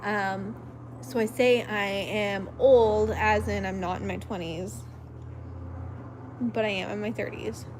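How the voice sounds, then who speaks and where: A woman in her thirties chats on a late-night live stream from home, talking close into her phone's mic. She rambles, apologizes often and fills pauses with "um" as she reads out viewer comments. Her pitch sits in a middle range, with a faint hiss of noise behind her. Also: fairly even intonation. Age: 30s. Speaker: livestream host. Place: at home at night, lit by a flashlight. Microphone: phone camera held close.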